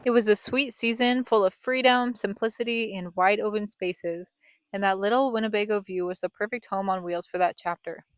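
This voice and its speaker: A woman's voice: medium pitch, fairly even intonation, normal speed, slight background noise. A young woman reading a scripted vlog voice-over in a reflective, earnest storytelling manner. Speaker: family vlogger, co-host.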